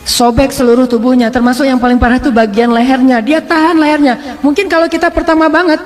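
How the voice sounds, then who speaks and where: High-voiced, joking male preacher. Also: fast talker, long reverb tail. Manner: lively, humorous, colloquial, with frequent laughs and restarts. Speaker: Islamic preacher. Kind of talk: casual sermon storytelling.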